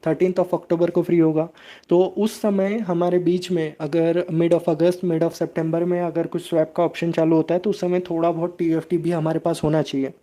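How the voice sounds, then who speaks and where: Hosting a live crypto stream, this man has a warm voice pitched a little high. He walks through his explanations at a steady rate, replies to the chat, and hesitates frequently.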